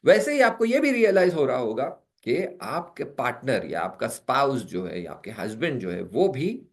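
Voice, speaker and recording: A man's voice: mid-range voice, normal speed. A man giving a lecture on personality types, acting out everyday stories with quoted voices. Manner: animated, acts out quoted voices.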